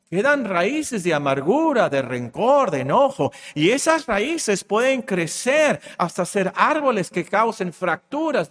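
A man's voice: high voice, a bit bright, long reverb tail. A man preaching a sermon to his congregation, reading scripture aloud and explaining it as he goes. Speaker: pastor.

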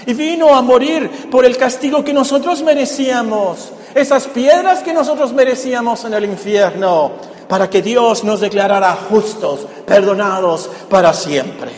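A man's voice: very high-pitched, lively intonation, normal speed, a little mellow. A man preaching a sermon, explaining a Bible passage and asking the congregation rhetorical questions. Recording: echoey hall with long reverb, faint background noise.

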